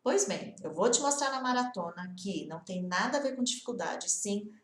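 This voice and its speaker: A Brazilian woman teaches English in a chatty, encouraging way, often pausing to check in with her viewers. Her voice sits at a middle pitch. The recording carries a noticeable room echo. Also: lively intonation. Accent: Brazilian Portuguese. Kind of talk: casual online English lesson.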